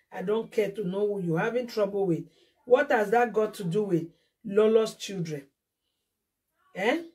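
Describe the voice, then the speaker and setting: A woman's voice: mid-range voice, dark tone, recorded from a distance. A woman with a Nigerian accent ranting angrily on a phone live stream, scolding and repeating herself. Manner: confrontational, scolding, repetitive. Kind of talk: angry live-stream rant.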